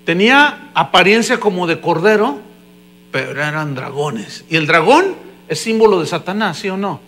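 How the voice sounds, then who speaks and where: A man with a Mexican Spanish accent preaches in a high, bright voice. He tells his stories in an animated way, rising to loud emphasis and then dropping to hushed asides. A faint electrical hum sits under the recording. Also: vocal fry. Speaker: pastor. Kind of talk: sermon.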